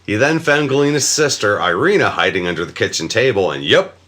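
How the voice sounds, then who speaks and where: A man co-hosting a casual true-crime podcast, narrating the case with frequent swearing and dark laughs. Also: fairly low pitch, big pitch swings, a little fast. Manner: swears freely, laughs, mock-voices the killer.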